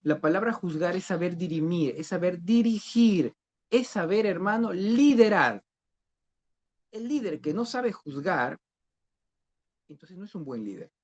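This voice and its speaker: A man's voice: high-pitched, animated, measured pace, long pauses, darkish tone. A man teaching a discipleship Bible class who questions his students and repeats key phrases. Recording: dull lo-fi recording.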